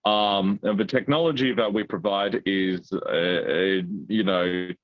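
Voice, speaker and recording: A man's voice: deep voice, steady tone, a little slow, muffled recording, slight background noise. A man speaking on a video call whose audio breaks up and drops out, hesitant with many fillers. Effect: call audio breaking up and dropping out. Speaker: technology provider answering member questions. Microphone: computer or phone mic on a video call.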